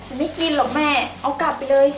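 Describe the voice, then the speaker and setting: A woman's voice: sits high, steady tone, quick pace, reverberant, natural voice. An actress playing an arrogant young woman manager who talks down to others in a scornful way. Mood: cold. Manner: haughty and scornful. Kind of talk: online short drama acting.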